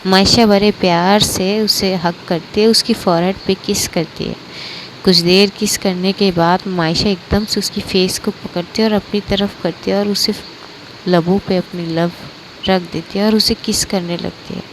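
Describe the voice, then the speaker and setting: A woman's voice: medium pitch, steady tone, measured pace, background noise. Woman narrating a romance story, casual, lots of fillers, told off the cuff. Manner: loose retelling with many fillers.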